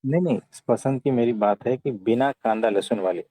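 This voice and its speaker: A man with an Indian accent giving a conversational spiritual discourse, teaching in a calm, gentle way and often checking for agreement. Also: medium pitch, moderate pace, no room sound. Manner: didactic, often seeks agreement with short tag questions. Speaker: spiritual teacher answering devotees' questions.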